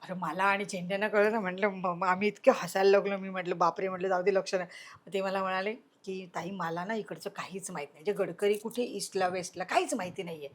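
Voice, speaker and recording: A middle-aged woman telling a story in an interview, acting out quoted voices and swinging between loud and hushed. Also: mid-range voice, fairly even intonation, fast talker, few pauses.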